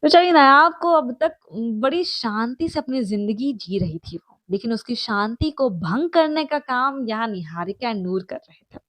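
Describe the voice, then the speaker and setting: A woman's voice: on the high side, lively intonation, a little slow, few pauses, a bit bright, no echo. A young woman narrating a story in a chatty, casual way, with asides to the listener and English words mixed in.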